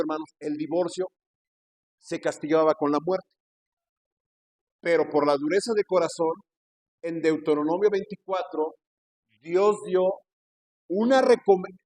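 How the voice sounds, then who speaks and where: A man's voice: a little high, darkish tone, dry recording, low-quality recording. A man with a Mexican Spanish accent, a pastor preaching a sermon who keeps addressing the listener as brother and asking rhetorical questions. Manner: preaching, peppers speech with "hermano" and rhetorical questions. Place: church.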